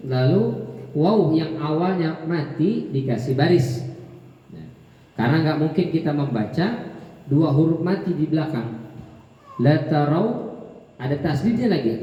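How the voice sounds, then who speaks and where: A man teaching Quran commentary in a joking way, slowly drawing out Arabic words and acting out short dialogues. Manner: jokey, acts out dialogue with rising pitch. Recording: echoey hall, dull lo-fi sound.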